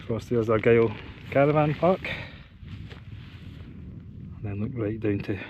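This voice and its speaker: A man with a Scottish accent and a mid-range voice talks casually as he films himself camping. He gives an unhurried running commentary, as if thinking aloud. The sound comes from an action camera mic in the open, with some faint outdoor noise around him. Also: mid-range voice, highs cut off. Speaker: solo wild camper and vlogger. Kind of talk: casual outdoor vlog chat. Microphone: action camera with media mod microphone. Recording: outdoor wind and ambient noise.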